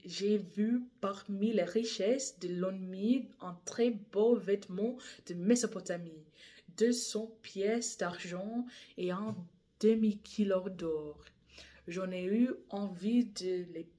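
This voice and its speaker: A woman's voice: medium pitch, slow, dark tone, close to an everyday voice. A woman reading the part of a guilty man who confesses a theft, hesitant and correcting herself. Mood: confessing.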